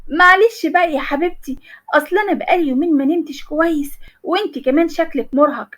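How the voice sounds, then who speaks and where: A woman's voice: high-pitched, fast talker, fairly bright tone. A woman with an Egyptian Arabic accent voicing a sleepy young husband who coaxes his wife in a drowsy, affectionate way. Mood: drowsy coaxing. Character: sleepy young husband who snores, lazy and sweet-talking.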